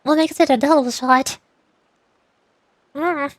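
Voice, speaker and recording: In studio-quality audio with no echo, a woman's high-pitched voice moves slowly with fairly even intonation, music playing behind her. She's streaming a game, reading dialogue aloud and teasing her viewers in a casual, playful, wandering chat.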